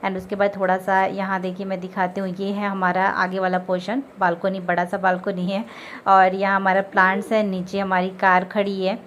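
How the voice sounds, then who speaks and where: A woman's voice: medium pitch, monotone, moderate pace, highs cut off. A woman with an Indian accent, chatting casually to viewers in a family vlog while feeling unwell, speaking from a car and later a rooftop. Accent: Indian Hindi. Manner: chatty, rambling, addresses viewers directly. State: unwell, low-energy. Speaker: family vlogger. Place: in a car, then on a rooftop outdoors. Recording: faint background noise.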